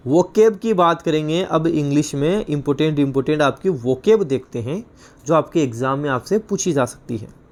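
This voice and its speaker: A man's voice: on the high side, lively intonation, normal speed, a little mellow. A man with a Rajasthani Hindi accent teaching an exam-prep grammar lesson, explaining patiently, repeating points and asking questions he then answers himself.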